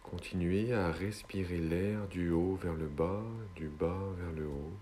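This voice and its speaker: A male hypnotist leads a guided relaxation in a deep, soft-toned voice. He speaks very slowly and soothingly, leaving long pauses between short phrases. A faint noise sits behind the voice. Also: fairly even intonation.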